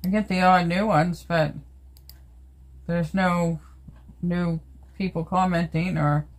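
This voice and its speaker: A woman's voice: fairly low pitch, fairly even intonation, slow pace. An older Canadian woman films herself with a handheld phone and chats away, easy and homey. She talks to her cat and her viewers with an everyday voice. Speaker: vlogger. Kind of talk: casual everyday vlog. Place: home indoors, then outdoors in snow and in a vehicle.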